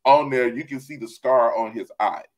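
With a mid-range voice and moderate pace, a middle-aged author and host chats casually over a video call from a room at home. He's animated, gestures while talking, and laughs often into his headset.

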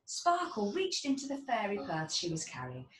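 A woman in her thirties with a mid-range voice reads a children's storybook aloud, expressive and deliberate. She's in a small indoor playroom, recorded by a camera mic about a metre away, giving a roomy, distant sound with faint background noise.

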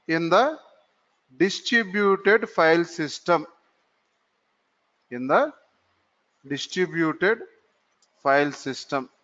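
A man teaching a computer class, speaking slowly, repeating phrases and asking himself questions before answering them, in a classroom. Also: on the high side, fairly bright tone. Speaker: computer course instructor. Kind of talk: classroom lecture. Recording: dull lo-fi recording in a reverberant room.

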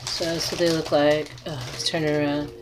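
A woman in her thirties chatting casually to camera in an unhurried, rambling way, as an artist showing her handmade crafts. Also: low voice, little pitch movement. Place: small cluttered room indoors. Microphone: device mic at arm's length. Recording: noisy home webcam recording.

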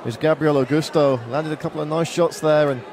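A man's voice: fairly high pitch, steady tone, a little fast, darkish tone. A man giving live play-by-play commentary on a fight. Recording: crowd and venue noise behind. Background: arena crowd.

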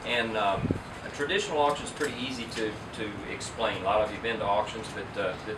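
Speaking fast in a lowish voice, this middle-aged auction company owner delivers a steady, businesslike explanation at an indoor press event. The audio is distant and roomy, picked up from afar, and a loud air-conditioning hum runs underneath.

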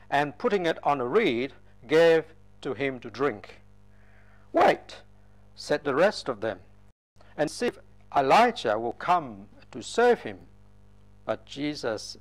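A man giving a liturgical Gospel reading at Mass in a church, in a slow, measured, solemn way. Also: fairly high pitch.

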